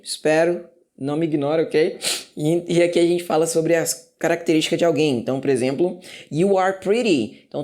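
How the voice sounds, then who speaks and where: A man's voice: a little high, darkish tone. Chatty man teaching grammar at a whiteboard. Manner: chatty, repeats key words slowly and checks in with "ok?". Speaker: English teacher. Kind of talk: casual classroom explanation at a whiteboard.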